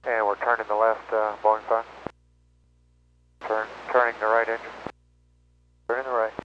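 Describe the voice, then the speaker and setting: A man's voice: fairly low pitch, flat delivery, normal speed. A man giving procedural test updates as a pilot over a crackly two-way radio, in clipped, hesitant phrases. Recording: dull lo-fi radio with noise.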